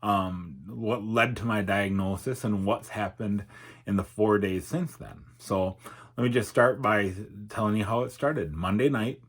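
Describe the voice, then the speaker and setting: A middle-aged man with a lowish, husky voice talks in a candid, unscripted way. He pauses and feels for his words reflectively, and his articulation is slightly off from numbness on one side of his face. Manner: halting, reflective, hesitant. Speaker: YouTuber and podcaster. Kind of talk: candid personal vlog, unscripted.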